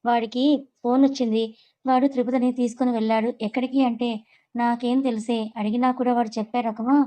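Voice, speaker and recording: A woman's voice: fairly high pitch, level tone, a little fast, dark tone, no room sound, lightly acted, poor audio. A woman voicing a blunt, grumbling young man in a storybook reading.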